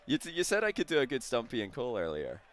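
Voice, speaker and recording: A man's voice: medium pitch, huge pitch swings, fast talker, a bit bright, a little hiss or hum. A man commentating a live esports match in a joking, playful way, laughing often.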